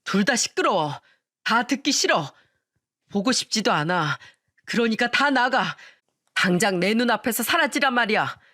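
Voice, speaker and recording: A woman voicing a distraught, ill husband who yells in anguish. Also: fairly high pitch, animated, moderate pace, no room sound, clean studio sound. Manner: anguished yelling. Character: distraught sick husband shouting at everyone.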